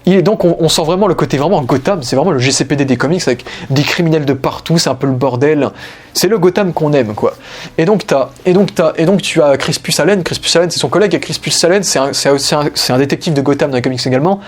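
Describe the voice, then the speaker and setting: A man's voice: on the high side, fast talker. A man hosting a casual spoiler film recap, talking enthusiastically and rambling, often restarting his phrases. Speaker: film review host.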